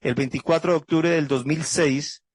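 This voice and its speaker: Man, pastor, Bible study lecture, methodical, raised pitch, dry sound. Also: steady tone, normal speed, no echo. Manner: methodical, reads out dates and facts one by one; earnest closing prayer. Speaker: pastor teaching a theology class.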